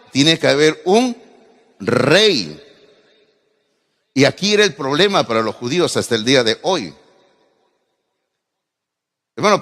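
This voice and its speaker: A Peruvian pastor with a Peruvian accent preaches with force, rising to loud exclamations and dropping to quiet asides. His voice sits a little high for a man. The sound carries the long reverb of a church hall. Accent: Peruvian Spanish. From Peru. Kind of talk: sermon. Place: church sanctuary.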